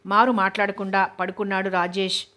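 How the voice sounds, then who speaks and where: A woman reading a novel aloud, narrating in a steady, even way. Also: mid-range voice, a little fast. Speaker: novel reader.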